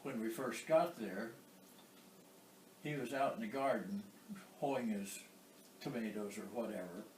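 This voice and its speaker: In an oral history interview, an elderly American veteran in his nineties looks back on his past, his voice sitting on the low side. He talks haltingly, stopping often and clearing his throat. A distant microphone picks him up in a roomy space with some noise behind him.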